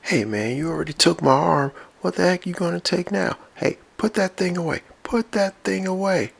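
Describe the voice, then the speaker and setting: A man voicing an indignant male robot toy who whines and yells about his parking spot, far above his own voice. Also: normal speed, vocal fry, husky, full character voice. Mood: pleading. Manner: shrill, whiny and yelling.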